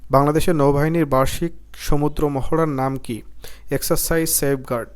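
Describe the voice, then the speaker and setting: A man from Bangladesh reading out job exam quiz questions, each followed by its answer in a lower, softer voice.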